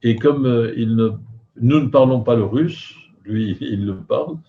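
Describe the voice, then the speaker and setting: An older man hosting a live film event, courteous and very hesitant, with slightly slurred speech from loose dentures. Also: medium pitch. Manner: halting, hesitant, courteous, with frequent long filler pauses. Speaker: host of a film festival video conference. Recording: dull video call audio, faint noise.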